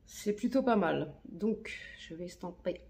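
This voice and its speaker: A woman's voice: on the low side, animated, measured pace, vocal fry, a little mellow. A woman chatting casually while filming a makeup tutorial on her phone, slangy and talking to herself as she works. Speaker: beauty vlogger. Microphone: phone camera.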